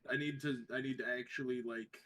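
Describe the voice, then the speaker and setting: A man whose voice comes through tinny and hollow, as though he were shut inside a metal tin can. The sound is bright and sharp-edged, with a faint hiss behind it. He chats loosely with friends, rambling and tripping over his own restarts. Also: mid-range voice, steady tone, fast. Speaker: streamer in a tabletop game group. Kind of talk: casual chat among friends.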